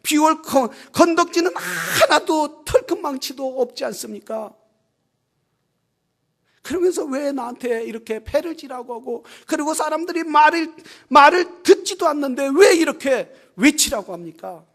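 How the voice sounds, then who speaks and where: A weary old prophet pours out a string of pleading, puzzled questions to God, as a male preacher puts him on in a sermon. The voice sits very high and pushes forward with a complaining insistence. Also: animated, moderate pace, fairly bright tone, exaggerated voice.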